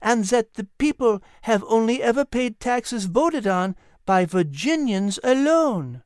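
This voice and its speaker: A man's voice: extremely high pitch, animated, measured pace, clean tone, no echo, studio quality, pitched above the performer's own voice. Man voicing an eager young girl. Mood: earnest.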